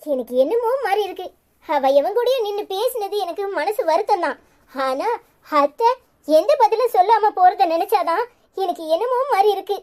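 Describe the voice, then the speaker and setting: A woman's voice: very high-pitched, lively intonation, normal speed, dark tone. A woman voicing a hot-tempered, anxious young wife in a cartoon, with a Tirunelveli Tamil accent and a scolding, fretful way of talking. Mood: worried.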